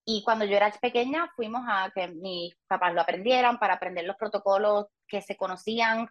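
A woman's voice: mid-range voice, brisk, muffled recording. A woman in her thirties with a Puerto Rican Spanish accent, talking candidly as a podcast guest with light self-mocking humor. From Puerto Rico. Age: 30s. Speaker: guest, patient. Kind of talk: casual podcast interview.

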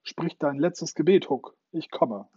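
A man's voice: mid-range voice, animated, normal speed, warm tone, breathy edge. A man voicing a fearless, cocky flying boy who taunts his foe, on a dull lo-fi recording. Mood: defiant. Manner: bold, taunting.

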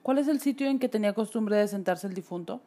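A woman's voice: mid-range voice, quick pace, mellow, close to an everyday voice. A woman reading as a scheming sorcerer uncle. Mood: solemn. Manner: theatrical wailing lament. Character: scheming middle-aged sorcerer posing as uncle.

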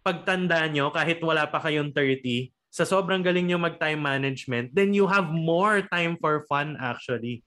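Relaxed young Filipino podcast host. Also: male voice, a little high, moderate pace, hardly any pauses. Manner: relaxed, advice-giving, mixing English and Tagalog. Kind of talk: casual podcast chat.

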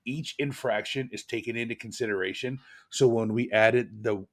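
Podcast co-host, male, a father. Casual, animated, slips into exaggerated voices when quoting. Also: on the low side. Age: adult with kids. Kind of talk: casual chat.

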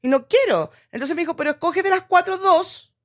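A woman's voice: very high voice, expressive, fairly quick. A middle-aged Chilean woman, a mother, chatting casually with her family and drifting off mid-phrase as she tells her stories. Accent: Chilean Spanish. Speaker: mother and podcast host.

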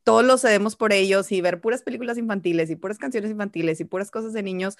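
A woman's voice: medium pitch, quick pace, no echo. Chatty woman co-hosting, dry sound. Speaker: podcast co-host. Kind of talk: casual podcast chat.

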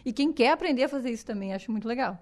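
A woman's voice: fairly high pitch, animated, very fast. A woman, a singing teacher explaining voice technique enthusiastically in casual chat. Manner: enthusiastic, explanatory, demonstrates voices while talking.

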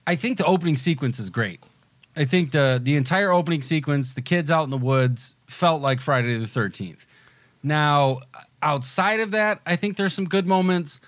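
A man's voice: fairly high pitch, no room sound. A man co-hosting a podcast, rambling with enthusiasm in casual chat, often restarting his sentences. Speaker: podcast co-host.

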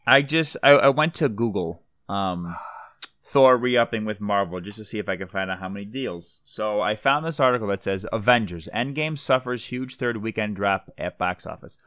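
A man's voice: on the low side, expressive, moderate pace, a bit bright, no echo. A young man chats on a podcast in a dry, mock-serious manner. The sound is close and dry, with no room around it. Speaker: podcast co-host. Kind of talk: casual chat.

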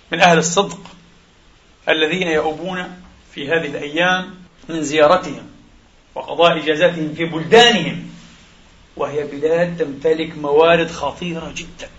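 A man in his forties delivering a Friday sermon in a mosque, impassioned, with sharp swings in pitch and loudness. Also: dull audio. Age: 40s. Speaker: preacher.

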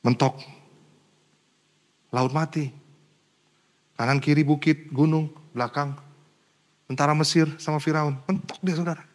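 A male pastor preaching a sermon, speaking emphatically and directly to the congregation, moving between rousing calls and quiet personal storytelling. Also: a little high, fairly even intonation, a little slow, long pauses.

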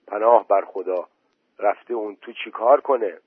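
A man's voice: fairly low pitch, slightly rough, dry recording. A man voicing a pious village man who explains things matter-of-factly. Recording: tinny phone-like voice message.

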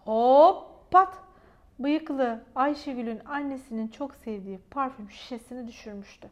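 Woman, high voice, children's storybook reading, expressive character voices. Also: a little fast. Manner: expressive, shifts pitch and loudness for each character. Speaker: storybook narrator.

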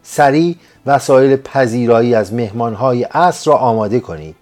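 A man's voice: medium pitch, animated, a little mellow, faint music behind, lightly acted. A man voicing a stern middle-aged woman who runs a house, curt and commanding.

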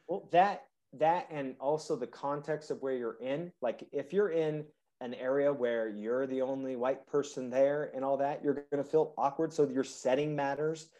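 A man's voice: mid-range voice, moderate pace, few pauses. A man hosting a podcast, chatting casually about politics in a rambling way full of fillers. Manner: rambling, animated, frequent "like" fillers. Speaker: podcast host.

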